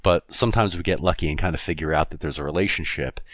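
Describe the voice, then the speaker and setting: Very deep-voiced man chatting on a podcast. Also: fast talker, no echo. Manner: laughs easily, thinks aloud with restarts. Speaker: podcast co-host. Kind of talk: casual explanatory chat.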